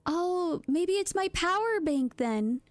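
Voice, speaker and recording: Woman guest, casual chat, high voice, easygoing, dry sound. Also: animated, slow pace, no echo. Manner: easygoing, laughs along. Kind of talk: casual chat on a streamed talk show.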